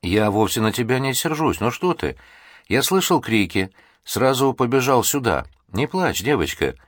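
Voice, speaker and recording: A man voicing a male professor in an audiobook, calm and firm, sometimes tender. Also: mid-range voice, moderate pace, no echo, clean studio sound, voice pushed up. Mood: soothing. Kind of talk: audiobook reading.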